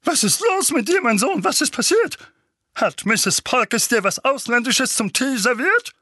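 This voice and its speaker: Guy doing a raspy growly bully uncle from an audiobook, loud, swings way up and down. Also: on the high side, big pitch swings, unhurried, dry recording, clean studio sound, exaggerated voice. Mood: blustering. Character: blustering, bullying burly middle-aged uncle.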